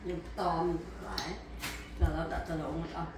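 A woman talking quietly and rambling in casual family chat. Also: sits low, steady tone, moderate pace. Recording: far off in an echoey, noisy room.

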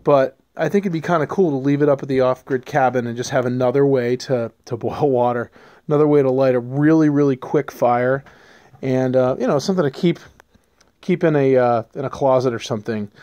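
This homesteading vlogger, a man in his thirties, speaks briskly in a mid-range voice with no room sound, though his narration is still casual and rambling, dotted with ums and restarts. He records handheld while doing hands-on work, beside a pickup truck in snow and later in a workshop.

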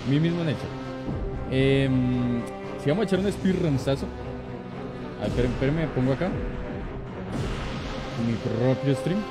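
A man hosting a gaming livestream, greeting chat with lively, slangy, playful banter. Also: medium pitch, unhurried, pauses often, loud music behind the voice. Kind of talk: casual live-stream chat greeting viewers.

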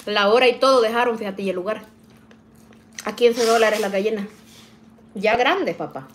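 Middle-aged woman, home kitchen vlogger, chatty and folksy, slightly high voice. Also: moderate pace, a little hiss or hum. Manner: chatty, addresses viewers as "niñas", frequent "¿verdad?" tags. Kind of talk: casual chat while cooking.

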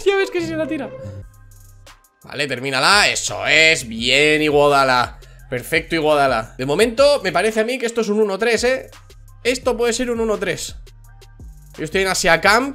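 A man giving excitable gameplay commentary, often shouting and laughing at big plays. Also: on the high side, normal speed, soft background music. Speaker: gaming youtuber.

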